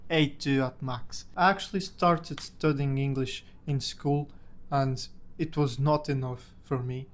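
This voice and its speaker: A young man from Portugal, a native Portuguese speaker who makes language-learning content, casually tells a personal story about himself in English. His mid-range voice stays steady in tone at a measured pace.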